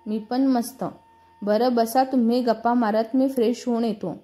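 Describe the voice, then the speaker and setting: A friendly young man greets a guest in a breezy way, voiced by a woman narrator. The tone is mellow, with faint music under it. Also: fairly high pitch, steady tone, moderate pace, natural voice.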